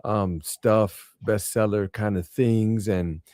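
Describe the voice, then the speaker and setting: A man's voice: on the low side, steady tone, slow, darkish tone, no echo. Casual Brooklyn-accented man, dry close sound. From Brooklyn, New York. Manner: streetwise, colloquial, repeats phrases. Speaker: podcast host. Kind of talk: casual conversation.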